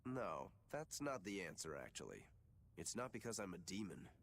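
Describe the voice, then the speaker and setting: A man's voice: sits low, big pitch swings, moderate pace, gravelly, fairly bright tone, slight background noise, full character voice. A blunt young swordsman. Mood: calm.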